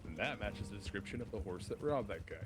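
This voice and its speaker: Man voicing a joking junior detective, casual, fairly low voice. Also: lively intonation, fast talker, over loud music, natural voice. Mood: wry. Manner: casual, wisecracking. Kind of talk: in-character role-play.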